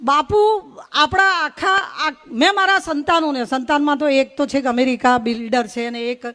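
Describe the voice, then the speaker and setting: A woman's voice: high-pitched, normal speed, fairly bright tone. A middle-aged woman from Gujarat, giving a humorous public speech at a village gathering, telling folksy stories in rhyming phrases. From North Gujarat. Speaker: invited speaker at a folk gathering.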